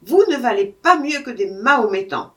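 A woman's voice: a little high, animated, normal speed, close to an everyday voice. Woman reading as a scandalized devout man. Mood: indignant. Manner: indignant, scandalized. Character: indignant devout Russian man, the inspector's friend.

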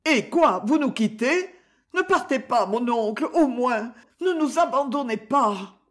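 Male narrator putting on an anxious young wife in a storybook reading, high-pitched and pleading, slow and lilting. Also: very animated, heavily acted. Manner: pleading, fearful.

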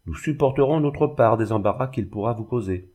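A man's voice: mid-range voice, lively intonation, fairly quick, mellow, close to an everyday voice. A man voicing a bitter, scheming older widow in an audiobook, speaking in a honeyed, velvety tone.

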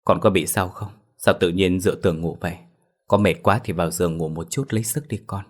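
A man voicing an older aunt who gently checks on a tired niece in a caring way. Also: deep voice, a little fast. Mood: concerned.

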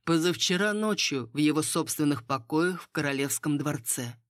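A woman's voice: low-pitched, normal speed, no room sound, natural voice. A woman reading the part of a sardonic, unflustered aristocratic court lady with dry irony. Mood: grim.

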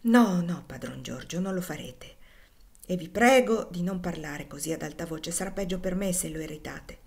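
A woman voicing a gentle, devoted older male slave, speaking softly, low and slowly, in a pleading way. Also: lightly acted. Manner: soft, low and slow, pleading.

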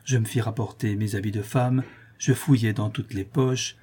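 A man reading a classic novel aloud in a measured, even narration. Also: fairly low pitch, husky. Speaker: audiobook narrator.

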